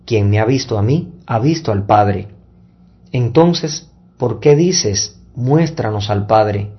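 A man speaking as a priest at Mass, measured and deliberate, in solemn liturgical reading and preaching. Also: medium pitch, breathy edge, dull audio. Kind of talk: solemn Gospel reading and homily. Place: church Mass livestream.

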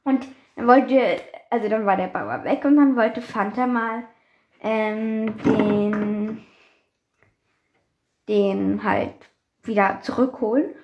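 A teenage girl co-hosting a podcast, chatting and quickly interjecting to correct her friend. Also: fairly high pitch, steady tone, highs cut off, slight background noise. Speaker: podcast co-host. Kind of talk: casual storytelling chat. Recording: echoey room.

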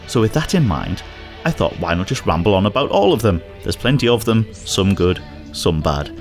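A man's voice: on the low side, sing-song, moderate pace, darkish tone, faint music behind. A man hosting a podcast, narrating scripted commentary and personal anecdotes on his own. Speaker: podcast host.

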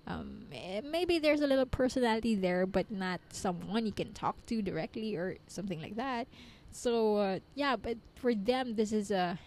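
A woman with a mellow, warm tone at a middle pitch reads a devotional text aloud and then reflects on it. Her talk is earnest and unpolished, full of restarts and soft fillers. The delivery stays calm and thoughtful. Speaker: Bible study reader and presenter.

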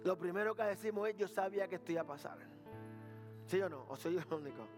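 A man's voice: high-pitched, quick pace, over music. A male pastor preaching a sermon, repeating phrases, asking the congregation questions and acting out the words of biblical figures. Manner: acts out dialogue between Jesus and Peter.

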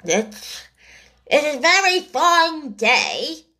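A woman puts on a timid male rabbit from a children's storybook. He sounds anxious and easily frightened. His talk is hushed and hurried, as if confiding something. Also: sits high, very animated, voice pushed up, full character voice.

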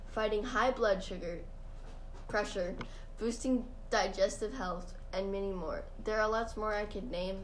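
A woman's voice: mid-range voice, slight background noise, natural voice, poor audio. A woman voicing an earnest, proud male rutabaga in a mock interview, giving matter-of-fact scripted answers. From Sweden. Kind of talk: mock interview role-play.

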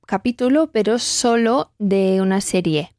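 A woman's voice: mid-range voice, unhurried, darkish tone, dry recording, studio quality. A woman teaching German in Spanish, patiently repeating phrases and correcting her student. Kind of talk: language lesson in Spanish.

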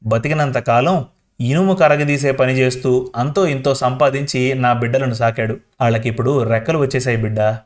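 A man's voice: mid-range voice, fairly even intonation, normal speed, lightly acted. Man voicing a tearful old grandmother. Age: older. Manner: tearful pleading, addressing the listener as child. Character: frail beaten 78-year-old grandmother, tearful. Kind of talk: storybook reading.

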